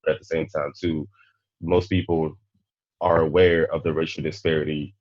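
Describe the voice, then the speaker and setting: Very deep-voiced Nigerian-born man hosting. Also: level tone, normal speed, darkish tone, no room sound, highs cut off. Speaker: podcast host. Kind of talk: panel discussion.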